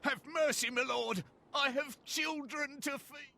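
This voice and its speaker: An actor voicing a cowering, pleading peasant prisoner begging a lord for mercy in a video game. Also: male voice, very high voice, fairly even intonation, unhurried, vocal fry, sharp tone, exaggerated voice. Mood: desperate pleading. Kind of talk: video game unit voice acting.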